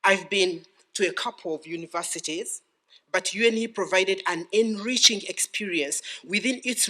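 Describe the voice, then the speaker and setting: Man, Ugandan accent, middle-aged, formal podium speech, bright forceful voice, deliberate ceremonial phrasing. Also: high voice. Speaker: graduating PhD student giving vote of thanks.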